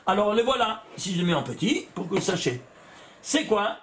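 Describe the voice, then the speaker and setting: An older man teaches a Torah class in a high voice that climbs and falls a great deal. He throws questions at his listeners and answers them himself, and he repeats words as he goes. The delivery is animated and full of emphasis. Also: normal speed, a little hiss or hum. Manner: repeats words and restarts phrases. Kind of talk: Torah lesson with gematria.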